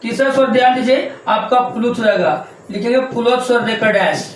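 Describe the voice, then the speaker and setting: A man with a notably high voice delivers a grammar lesson, going over each rule again and again and firing questions at his students. The sound is heavily echoey, as if captured in a bare, reverberant room. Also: fairly quick, slight background noise. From India. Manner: repetitive, drills points with rhetorical questions. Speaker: Sanskrit grammar teacher. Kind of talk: classroom lecture to students.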